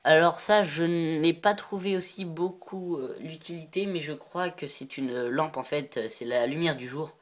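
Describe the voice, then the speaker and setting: A man's voice: a little high, unhurried, hardly any pauses. A male vlogger talking through a casual show-and-tell, chatty and loose. He rambles from item to item, breaks into giggles and freely admits he is not sure of the details. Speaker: reptile-keeping video maker.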